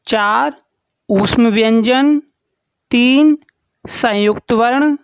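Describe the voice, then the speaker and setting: A woman teaching children in a slow, deliberate way, spelling out each letter clearly. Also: on the high side, no room sound. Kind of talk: children's lesson.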